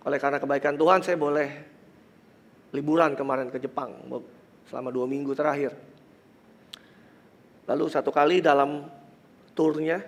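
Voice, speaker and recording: This pastor's voice sits fairly high, nasal and congested, carrying an Indonesian accent through a large church hall. Slipping English phrases in as he goes, he builds to forceful preaching, then leads prayer in a soft murmur.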